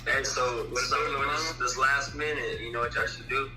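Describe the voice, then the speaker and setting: A man from the Netherlands on a video chat app, flirty and excitable. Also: medium pitch, fairly quick. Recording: echoey video call audio over music.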